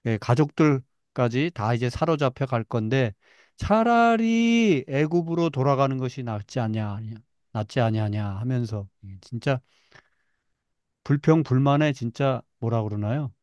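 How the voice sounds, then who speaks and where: A middle-aged man leads a Bible class, retelling the story with lively, dramatic touches. His voice sits at an ordinary pitch. The sound is dry and close. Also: unhurried, no echo, lo-fi sound. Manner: lively retelling, acts out complaints with wails. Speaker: Bible teacher.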